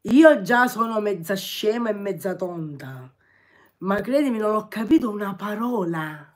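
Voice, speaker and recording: A woman's voice: medium pitch, expressive, unhurried. A woman in her forties with a Sicilian accent, chatting affectionately and teasingly on a livestream from her bedroom, reading comments into her phone camera. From Sicily, Catania. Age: 40s. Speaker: livestream host.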